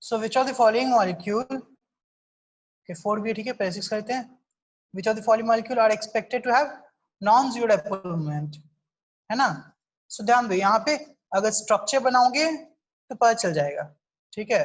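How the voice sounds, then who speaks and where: A woman's voice: on the high side, expressive, slow pace, pauses often, highs cut off. A woman teaching a chemistry class, explaining step by step and checking in with her students often. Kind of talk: online class lecture, mixing Hindi and English.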